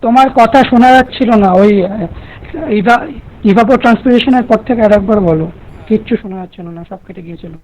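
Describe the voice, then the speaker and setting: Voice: mid-range voice, fairly quick, a little mellow. A student in an online class, heard over a call line and asking the teacher to go back and repeat. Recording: dull lo-fi call audio with faint noise.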